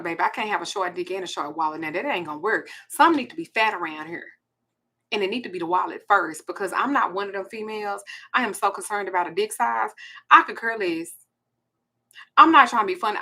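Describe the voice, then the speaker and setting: A woman's voice: mid-range voice, quick pace, sharp tone. A woman, hosting a blunt, profane ranting monologue. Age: 40s. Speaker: host.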